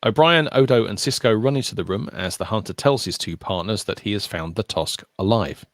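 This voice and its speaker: A man hosting a podcast, reading out an episode summary with animated asides in a casual chat. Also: fairly low pitch, brisk, no room sound. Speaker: podcast host. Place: recorded podcast session.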